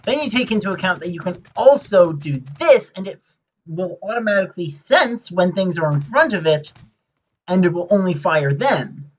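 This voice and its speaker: A man giving casual gameplay commentary, rambling and excitable as he explains his build, with many filler sounds. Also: high voice, normal speed, muffled recording.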